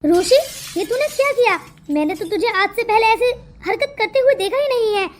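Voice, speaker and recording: A woman's voice: very high voice, expressive, moderate pace. A woman voicing a worried, loving village mother in a cartoon story, fussy and coaxing, turning to scolding. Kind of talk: cartoon voice acting.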